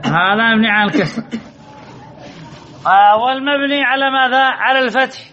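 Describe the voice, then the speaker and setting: A man's voice: very high voice, fairly even intonation, a little fast, pushed and bright, dull audio, a little hiss or hum. A man teaching grammar to a class, quizzing his students and repeating the key points. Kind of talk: classroom lesson with student questions.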